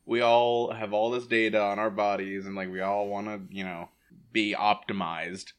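A man's voice: fairly low pitch, flat delivery, moderate pace. A man with a Boston accent co-hosting a podcast in casual, comedic banter, given to mock-dramatic exaggeration. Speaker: podcast co-host.

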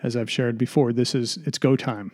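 A man's voice: medium pitch, little pitch movement, moderate pace, a little mellow. A man from the United States hosting a casual solo podcast from a home studio, rambling and self-deprecating, with many restarts, out of breath. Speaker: podcast host.

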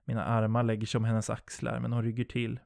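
A man narrating a first-person horror story in a low, steady storytelling voice. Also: gravelly, dry recording, studio quality.

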